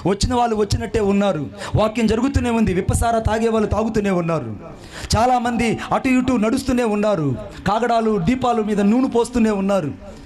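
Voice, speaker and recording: A man preaching a fervent sermon, telling his own story and rising into shouts and chanted phrases. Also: sits high, brisk. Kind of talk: sermon with personal testimony.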